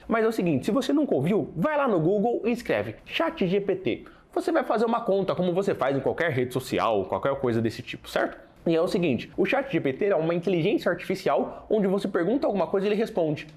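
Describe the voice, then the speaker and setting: A Brazilian man with a Brazilian Portuguese accent, an English teacher giving pronunciation tips in an animated, coaching way on a podcast. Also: on the high side.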